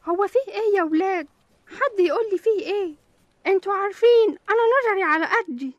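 A woman plays a frail, half-blind old Egyptian granny who keeps asking around in a confused way. Her voice is very high and quick. The sound is dull and muffled. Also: animated. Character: frail elderly woman with weak eyesight.

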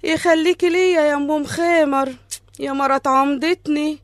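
A brash veteran wedding dancer, played by a woman, showy and flirtatious in her Egyptian accent. Her voice is very high, and the recording is dry. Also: fairly even intonation, moderate pace, dry recording, lightly acted. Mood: flattering.

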